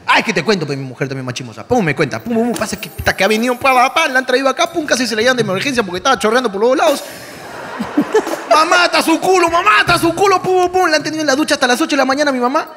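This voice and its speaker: A man's voice: very high voice, expressive, racing, big-room sound, noisy background. A man with a Peruvian accent, hosting a comedy podcast and telling a crude story packed with slang and sound-effect words. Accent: Peruvian Spanish. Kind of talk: comic storytelling.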